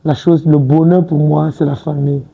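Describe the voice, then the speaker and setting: A gravelly, husky man in his twenties is a guest on a TV studio set, talking casually with hesitation, repeating and restarting words and saying "tu vois un peu". His somewhat high voice is level and dark in tone at a moderate pace, with poor audio quality.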